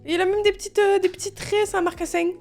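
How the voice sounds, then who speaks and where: A young woman with a high voice tells stories on a gaming stream. She is animated and exasperated, swears freely and often breaks into laughter. Faint music plays under her voice. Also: quick pace, gravelly. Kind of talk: casual storytelling while gaming.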